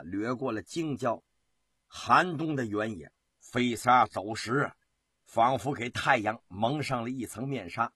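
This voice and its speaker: A man's voice: medium pitch, pushed and bright, breathy edge, no room sound, clean studio sound. A man telling a historical tale in traditional Chinese storytelling style, with dramatic, rhythmic delivery.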